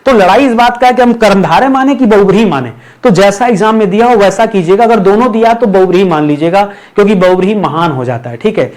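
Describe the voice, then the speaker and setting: A man's voice: sits high, quick pace, hardly any pauses, a little mellow. A man teaching a grammar lesson for exam preparation, repeating key terms and checking in with his listeners.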